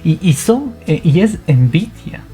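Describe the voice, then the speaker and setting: Guy explaining bible stuff casually, lively, lots of rhetorical questions, soft music behind. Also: on the high side, a little slow. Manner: animated, asks rhetorical questions and acts out quoted speech. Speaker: Bible teacher. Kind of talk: casual Bible study talk.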